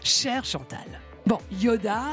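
A woman's voice: on the high side, expressive, takes it slowly, a bit bright, faint music behind. A woman hosting a radio interview, asking playful, probing questions. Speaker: radio host. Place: radio studio.

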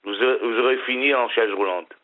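A man's voice: medium pitch, fairly quick. Middle-aged male caller, smiling, stop-start delivery; thin phone-line audio. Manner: hesitant, repeats and restarts words. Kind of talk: casual phone-in chat. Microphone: telephone.

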